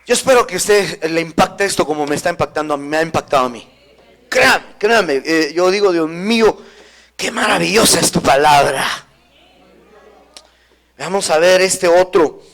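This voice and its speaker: A male pastor preaches in a high-pitched voice, repeating key words for emphasis. He mixes scripture reading with playful, humorous asides to his congregation. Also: brisk, fairly bright tone. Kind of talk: sermon.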